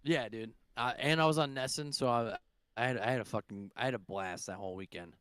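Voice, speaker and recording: A man's voice: medium pitch, fairly quick, fairly bright tone, smooth, no room sound. A young man co-hosting a podcast, telling stories in a rambling, profane way with lots of fillers. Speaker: podcast co-host. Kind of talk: casual chat.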